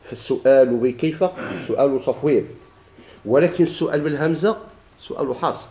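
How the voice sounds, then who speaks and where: A man's voice: mid-range voice, fast, mellow. A man with a Moroccan Arabic accent teaching a grammar lesson to a class, putting questions to the students and answering them himself. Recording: echoey room.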